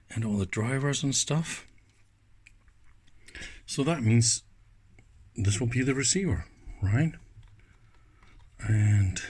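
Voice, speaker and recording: This man hosts a video where he takes things apart by hand, commenting casually and with enthusiasm as he exclaims and thinks out loud. His voice is medium-pitched and slightly husky.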